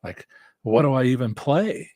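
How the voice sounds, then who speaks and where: Hosting and instructing a live stream on slots strategy, a man speaks in a mid-pitched, husky, slightly rough voice worn from heavy talking. His delivery is animated and dark-toned but halting and rambly, looping back to repeat phrases. It's captured close and dry with no room sound.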